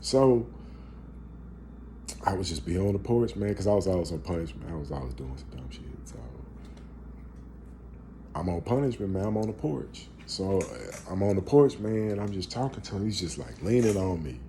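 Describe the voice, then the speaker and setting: Guy quietly telling a heavy personal story, lowish voice that swings a lot, soft hiss behind. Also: very animated, normal speed. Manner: hushed, drops to near whispers, casual and profane. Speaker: vlogger sharing a personal story.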